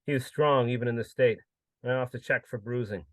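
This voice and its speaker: A man giving a measured, solemn reading of his own literary prose. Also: mid-range voice, no echo. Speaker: contributor reading his story.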